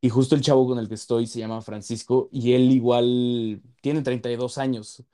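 A young man talks in a mellow, warm tone. He is earnest and a little halting, repeating words as he gathers his thoughts in casual conversation. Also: medium pitch, level tone. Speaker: law student.

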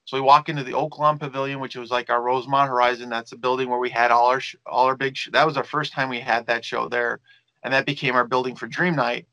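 A man's voice: medium pitch, flat delivery, fast talker, pushed and bright, dry recording, poor audio. A man who works as a wrestling promoter and manager, telling stories in a rambling interview with many fillers and restarts. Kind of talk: casual storytelling interview.

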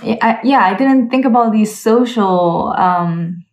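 A young female cellist, a guest in a casual conversational interview, speaks slowly at a medium pitch, and the recording's highs are cut off. She is thoughtful and hesitant, with many fillers and restarts.

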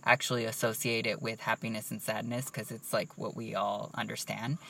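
A man's voice: on the low side, flat delivery, brisk, gravelly, bright, forceful tone, recorded from a distance, slight background noise. A young man in casual chat, rambling and saying "like" a lot. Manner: chatty, rambling, says "like" a lot.

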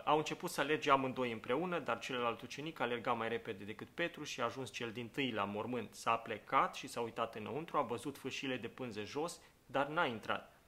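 Male pastor, mid pitch, gravelly, unhurried Bible teacher who pauses to check the listener is following. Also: bright, forceful tone. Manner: thinking aloud with many fillers, checks in with "da?".

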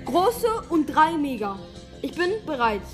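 A woman's voice: high voice, very animated, unhurried, music in the background. A woman hosting a mobile game box-opening session, announcing each next box and pushing things along. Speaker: gaming video host.

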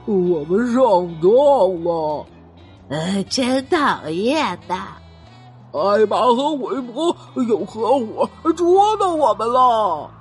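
A woman voicing a herd of lumbering elephants in a low, grumbling way, in a storybook reading. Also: big pitch swings, slow pace, faint music behind.

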